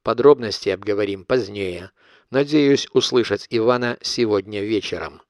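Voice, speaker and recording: A man's voice: fairly low pitch, moderate pace, dry recording, clean studio sound, lightly acted. A man reading an audiobook voices a cold, calculating middle-aged blackmailer who dictates his terms in a cool, clipped manner.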